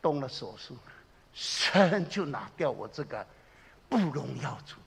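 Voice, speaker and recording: A man preaching a sermon as a pastor, impassioned, swinging between loud exclamations and low confiding asides. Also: big pitch swings, measured pace, vocal fry, husky. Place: church sanctuary. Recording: reverberant church hall.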